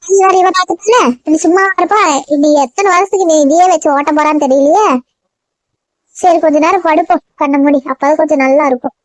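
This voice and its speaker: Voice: high-pitched, fairly quick, lightly acted. A performer voicing a fed-up older village mother with a headache, weary and complaining, in a cartoon comedy. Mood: weary grumbling.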